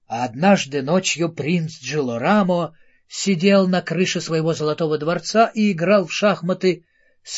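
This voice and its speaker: Husky man narrating a storybook. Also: a little high. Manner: storyteller addressing the listener directly. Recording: dull lo-fi audiobook recording.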